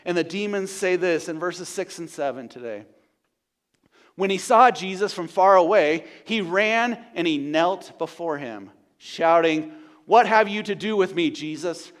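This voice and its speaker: In a church sanctuary, a high-voiced pastor preaches a sermon. He builds to loud, repeated declarations, then drops to a hushed, slow delivery.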